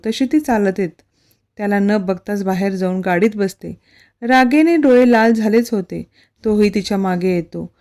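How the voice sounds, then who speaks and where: A woman narrating a romance story in a steady, expressive reading. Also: mid-range voice.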